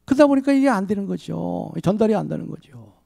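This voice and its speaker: A man's voice: high voice, animated, fairly quick, vocal fry, dark tone. A male pastor preaching a sermon, telling a story and acting out the quoted lines. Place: church sanctuary.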